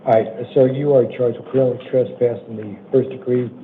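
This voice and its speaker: An American man speaks as a judge, his voice weak, working through formal procedure in a plain, halting, informal way. His pitch sits mid-range. The sound is narrow and phone-like, with faint noise behind it. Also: fairly even intonation. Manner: plain-spoken, informal, halting with repeated checks for understanding. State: weak voice that day. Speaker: judge presiding over initial appearance hearings. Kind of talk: procedural courtroom address, reading charges and release terms. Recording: tinny phone-like courtroom audio, faint noise.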